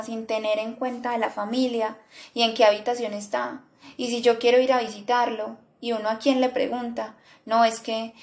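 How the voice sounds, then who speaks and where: A woman's voice: a little high, close to an everyday voice. A woman reader voicing a distraught young sister who fires off pleading questions.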